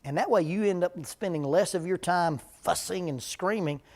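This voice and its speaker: A man's voice: high voice, moderate pace, darkish tone. A man, a preacher leading a parenting seminar in plain-spoken, humorous talk before a live church audience.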